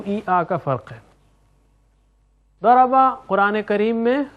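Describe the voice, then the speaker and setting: A man's voice: high-pitched, highs cut off. A middle-aged man teaching Quranic Arabic grammar, chanting verb forms in rhythmic drills and explaining them in sprinkled with English words. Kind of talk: classroom lecture with drills.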